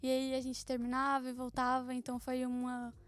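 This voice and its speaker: With a high-pitched voice and a slightly fast delivery, this young podcast co-host tells animated stories on a casual couple's show, teasing and laughing throughout. The recording is dry.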